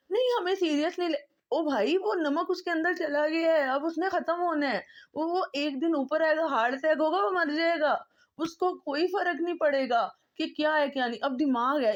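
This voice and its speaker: In a recording with the highs cut off, a woman vlogger from Pakistan pleads passionately in a monologue. Her voice sits high, and she is emotional and close to crying, repeating herself for emphasis.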